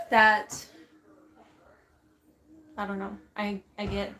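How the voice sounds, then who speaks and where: A woman's voice: medium pitch, monotone, extremely slow, sharp tone. A woman who grew up in Texas, speaking with a Texan accent, chatting casually on a live stream and reading viewer comments aloud with frequent "um"s. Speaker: vlogger reading live chat.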